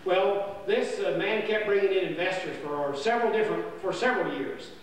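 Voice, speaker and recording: A man's voice: high-pitched, moderate pace. Rambling older man telling a camp tale. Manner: rambling, homespun, with many fillers and restarts. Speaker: camp storyteller. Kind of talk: folksy spoken history tale. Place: indoor dining hall by a stone fireplace. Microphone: far camera. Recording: roomy hall echo from far off, faint hum.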